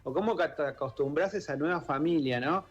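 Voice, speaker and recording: Here a fairly high-pitched man speaks briskly over soft background music, the audio dull. He is a radio interview guest with a Rioplatense accent, an author in an exile-children group who was born in Italy and raised in Argentina, and his thoughtful answers are peppered with fillers and restarts.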